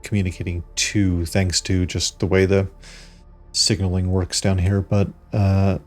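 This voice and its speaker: A man with a fairly low voice narrates as the game master of a tabletop role-playing game. He lays out the world in halting, improvised exposition. Faint music plays behind him. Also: flat delivery. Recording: background music under the voice.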